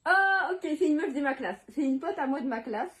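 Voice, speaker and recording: Teen girl vlogger, high and chatty, excitable, casual talk to camera. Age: teens. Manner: chatty, excitable, quick to laugh. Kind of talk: casual prank-call vlog.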